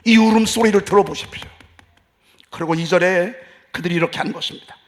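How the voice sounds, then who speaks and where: A man preaching a sermon as pastor, passionate, moving from hushed talk to loud outbursts. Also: high voice, fast talker. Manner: impassioned, swings from hushed to shouting.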